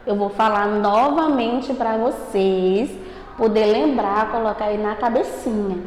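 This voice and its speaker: A Brazilian woman teaching a recorded lesson to young children, speaking slowly and stressing each syllable, asking the class questions and answering them herself. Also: mid-range voice, a little mellow, slight background noise. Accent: Brazilian Portuguese. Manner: slow, emphatic, stretches out syllables. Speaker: primary school teacher. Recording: echoey room with long reverb.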